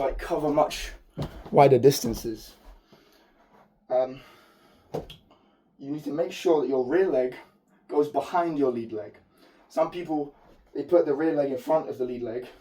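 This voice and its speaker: Hoarse man losing his voice, teaching informally. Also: medium pitch, mellow. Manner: informal, explanatory, occasional swearing. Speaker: martial arts instructor. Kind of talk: spoken technique tutorial with demonstration. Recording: distant mic.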